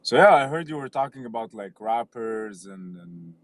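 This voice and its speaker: Hesitant caller from Lebanon. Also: male voice, medium pitch, expressive, normal speed, no room sound. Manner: hesitant, many fillers and restarts. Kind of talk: casual call-in chat.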